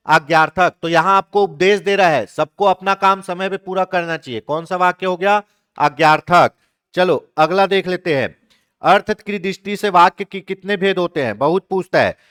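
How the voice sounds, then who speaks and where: A man teaching an exam-prep grammar class in a high, smooth, resonant voice. He asks the class questions and then answers them himself. He repeats key words slowly to drive them home. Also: a bit bright.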